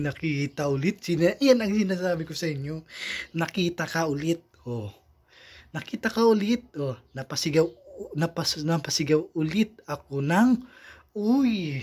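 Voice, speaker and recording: Slow, teasing vlogger reading love quotes. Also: mid-range voice, a little mellow. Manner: teasing, chuckling often, addresses viewers directly. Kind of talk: casual commentary on quotes.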